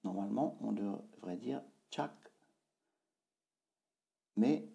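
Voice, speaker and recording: A man giving a spoken language lesson, slowly repeating words and drilling their tones. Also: fairly low pitch, expressive, gravelly, warm tone. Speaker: language teacher.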